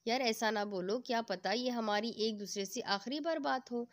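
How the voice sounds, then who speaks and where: A woman's voice: a little high, moderate pace, close to an everyday voice. A woman reading the lines of a playful young husband who teases and comforts his wife. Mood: teasing, tender. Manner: teasing, coaxing.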